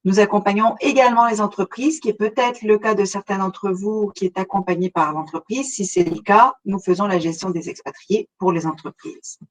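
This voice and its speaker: On a rough recording, a woman with a mid-range voice speaks at a moderate pace in a steady tone, with hardly any pauses. She is a middle-aged relocation consultant from Montreal with a Québécois accent, hosting a webinar conversationally, addressing her audience directly and hesitating often.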